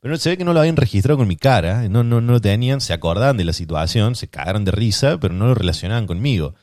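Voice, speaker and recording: Low-voiced Argentine man telling a story. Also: fast talker, no room sound, studio quality. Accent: Rioplatense Spanish. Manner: self-deprecating, animated storytelling. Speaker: podcast host. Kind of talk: personal anecdote monologue.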